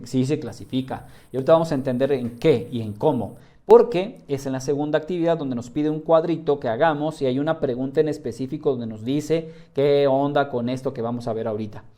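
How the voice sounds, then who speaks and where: Man, online tutor, mellow voice, talks in a lively way, asks and answers his own questions. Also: on the high side. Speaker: online high school tutor. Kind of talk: live online class.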